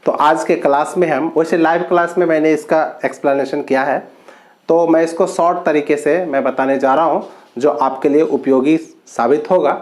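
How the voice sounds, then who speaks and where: A man teaching an English grammar lesson, explaining slowly with drawn-out words and repeated points. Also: fairly high pitch, fairly even intonation, a little mellow.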